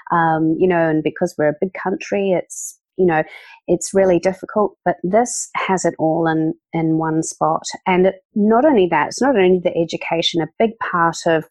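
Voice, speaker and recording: A woman's voice: on the low side, normal speed, a little mellow, no room sound. A woman, an event organizer chatting enthusiastically as a podcast guest, with many fillers. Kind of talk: casual interview talk.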